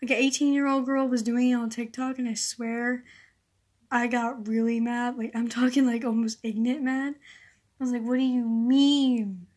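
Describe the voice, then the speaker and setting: A woman's voice: a little high, flat delivery, moderate pace, a little mellow. A teenage girl hosting her own casual podcast, rambling in a sarcastic, exasperated way. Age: teens. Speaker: podcast host. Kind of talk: casual solo podcast rant.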